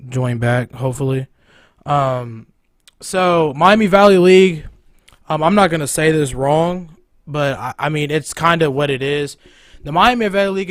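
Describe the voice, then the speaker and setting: A man's voice: fairly high pitch, dry recording. A man hosting a local sports talk show in a casual, conversational style. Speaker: host of a local high school sports show.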